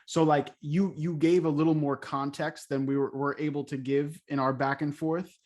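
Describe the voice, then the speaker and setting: A man's voice: on the high side, little pitch movement, normal speed, darkish tone. A young man co-hosting a casual podcast, steering the chat with questions and fillers. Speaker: podcast co-host.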